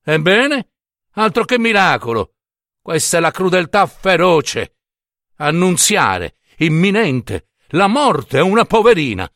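A man's voice: sits high, sing-song, slow pace, fairly bright tone, no room sound, studio quality, exaggerated voice. A man voicing an indignant skeptic who argues in a heated, rhetorical, exclamatory way.

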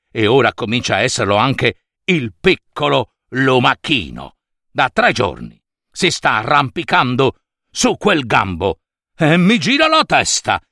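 A man's voice: mid-range voice, gravelly, no room sound, studio quality, full character voice. A man voicing a cautious, contented older father snail in a storybook reading. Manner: calm, grumbling.

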